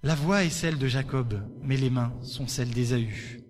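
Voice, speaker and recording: A man voicing an old, dying father in a Bible reading, speaking slowly and questioningly. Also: medium pitch, long reverb tail, slight background noise, voice pushed down, close to an everyday voice. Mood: doubtful. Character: old blind father, near death, doubtful.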